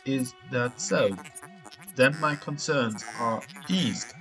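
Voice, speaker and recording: A man voicing a calm, formal male spaceship computer, reading game dialogue aloud in a stiff, instructive manner over music. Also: medium pitch, takes it slowly, poor audio. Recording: music playing behind.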